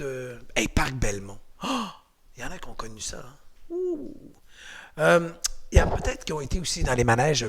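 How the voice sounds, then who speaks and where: A man's voice: a little high, vocal fry. A man with a Québécois accent, leading a home exercise and martial arts class in a chatty, encouraging, playful way. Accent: Québécois French.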